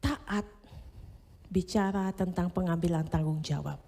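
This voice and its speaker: A woman preaching a sermon, expressive, slipping into English phrases and acting out quoted inner voices. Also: fairly low pitch, unhurried, vocal fry. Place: church hall. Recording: long hall reverb.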